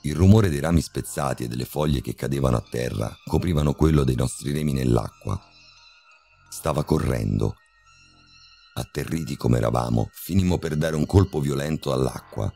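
A narrator with an extremely deep, gravelly voice reads a scripted horror story at a steady, measured pace. His tone is dark and mellow, and faint music plays behind him.

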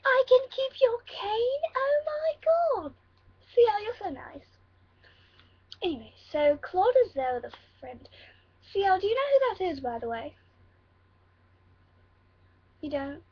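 Bratty demon boy done by a girl in a put-on british accent, high voice, muffled webcam sound. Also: animated, moderate pace, long pauses. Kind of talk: cosplay role-play vlog.

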